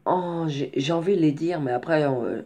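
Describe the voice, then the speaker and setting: A man's voice: fairly high pitch, normal speed, warm tone. A young man casually telling a story in slangy, rambling speech with many restarts and asides. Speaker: vlogger.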